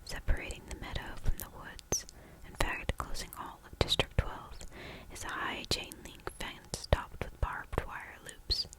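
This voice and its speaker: A woman reading a novel aloud for ASMR in a soft, hushed whisper, slow and deliberate. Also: low-quality recording.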